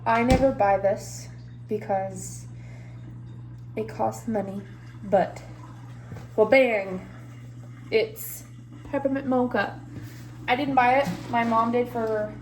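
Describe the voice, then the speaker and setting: Indoors in her kitchen, a young woman who vlogs and is a mother chats loosely to the camera, giggling and wandering between topics as she handles chores. Her voice sits a little high, with slight background noise.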